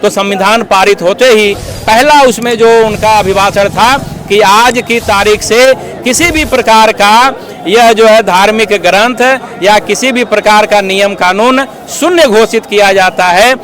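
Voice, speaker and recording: Outdoors in a street interview, this activist makes his argument earnestly and formally, going on at length and falling back on familiar filler phrases. His voice sits high with a fairly bright tone, and he's unhurried.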